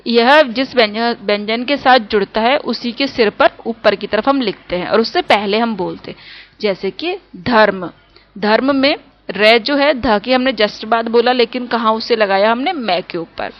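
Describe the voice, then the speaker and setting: A woman teacher giving a grammar lesson, slowly spelling out sounds one by one. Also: on the high side, highs cut off.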